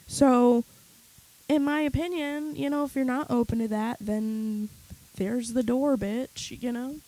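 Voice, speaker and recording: A woman's voice: fairly high pitch, unhurried, poor audio. Blunt, sweary young woman podcast co-host. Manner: swears freely, blunt and animated. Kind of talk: casual chat.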